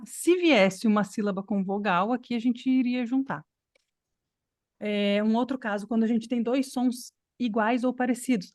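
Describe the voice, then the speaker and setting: A woman's voice: fairly high pitch, darkish tone, no room sound, studio quality. A woman from Brazil teaching an online English class, explaining patiently and checking in with her students. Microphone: computer mic on video call.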